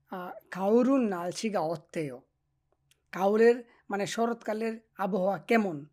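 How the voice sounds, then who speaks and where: Slow, patient woman teacher. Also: mid-range voice, a little mellow. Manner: patient, repeats each form slowly and checks understanding often. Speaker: language teacher. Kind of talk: classroom grammar lesson.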